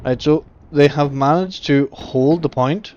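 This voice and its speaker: A man's voice: fairly high pitch, unhurried, a little hiss or hum. A man giving casual, jokey live commentary on a game stream, swearing freely and laughing often. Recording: muffled stream audio with loud game gunfire. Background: gunfire, artillery and vehicles from the game.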